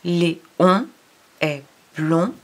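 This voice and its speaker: A woman's voice: lowish voice, extremely slow. A woman giving a reading lesson to a child, sounding out syllables and explaining patiently. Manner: addresses the child directly. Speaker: reading teacher.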